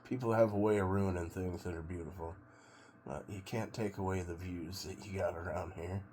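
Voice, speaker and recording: Middle-aged American man, low voice, unhurried and halting casual vlogger, water noise clearly audible behind him. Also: fairly even intonation, a little mellow. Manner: laid-back, musing, halting. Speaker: vlogger doing a cold plunge challenge. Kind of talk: casual rambling vlog monologue.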